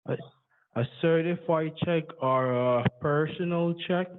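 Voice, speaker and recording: A man with a Jamaican accent, pitching slowly and deliberately over a landline phone. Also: noisy background. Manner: slow, deliberate salesman pitch. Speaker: scam caller. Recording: tinny phone line.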